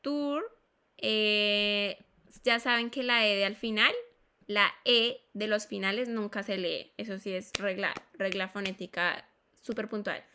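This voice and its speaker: Her mid-range voice is pushed and bright yet clean, with fairly even intonation. Explaining phonetics to a class, this English pronunciation teacher repeats words, spells sounds out slowly and deliberately, and checks on her students.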